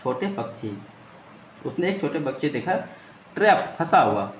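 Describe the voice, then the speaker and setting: A man's voice: fairly high pitch, very animated, a little slow. Man teaching English with a roomy echo. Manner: repeats 'ठीक है' often, asks questions and answers them himself. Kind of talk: explaining an English story line by line in Hindi. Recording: roomy echo, faint ambient noise.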